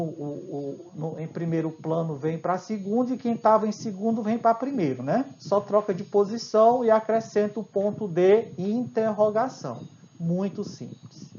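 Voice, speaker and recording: A man's voice: high voice, a little mellow. A man with a Brazilian accent, an English teacher giving a recorded grammar lesson, explaining patiently and often checking in with his students. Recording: dull lo-fi with faint hiss.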